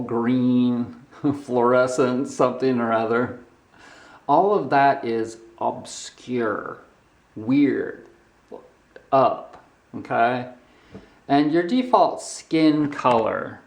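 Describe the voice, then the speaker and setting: A man speaks slowly in a gravelly voice with plenty of fry, chewing as he goes. He delivers a casual, opinionated monologue at a middling pitch. His manner is blunt and preachy, with deliberate pauses between phrases. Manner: chewing food while talking. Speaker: health vlogger.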